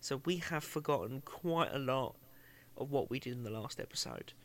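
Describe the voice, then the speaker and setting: A man's voice: medium pitch, expressive, moderate pace, a bit bright. A man co-hosting a podcast, jokey and swearing in casual chat. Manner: swears, jokey, laughs a lot. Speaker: podcast co-host.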